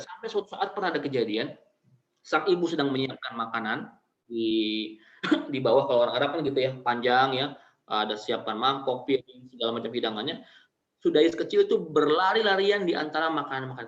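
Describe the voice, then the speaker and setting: A man's voice: medium pitch, animated, brisk, a bit bright. A male Islamic preacher, giving an online study sermon to mothers in a chatty, way, often adding "ya" and speaking straight to his listeners. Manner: chatty, colloquial, addresses listeners directly with frequent "ya". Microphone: video call. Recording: roomy, dull lo-fi video call audio.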